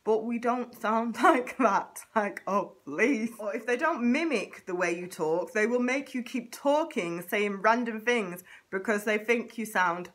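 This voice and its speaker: A woman's voice: fairly high pitch, unhurried, few pauses, fairly bright tone. A woman from Manchester with a Mancunian accent, chatting playfully to camera in a comedic vlog. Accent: Mancunian English. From Manchester, England. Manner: playful, with exaggerated mimicry of others. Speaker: vlogger.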